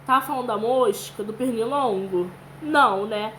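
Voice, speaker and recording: A woman's voice: a little high, normal speed, fairly bright tone, slight background noise, rough recording. A woman with a Brazilian Portuguese accent teaching young children, reading aloud and sounding out syllables patiently. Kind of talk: children's lesson with read-aloud.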